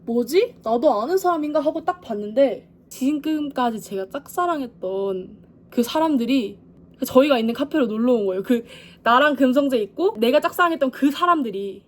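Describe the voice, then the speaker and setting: A woman's voice: sits high, expressive, moderate pace. A young woman in her twenties telling a story in a casual vlog. She talks animatedly and acts out the people she quotes. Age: 20s. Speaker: vlogger.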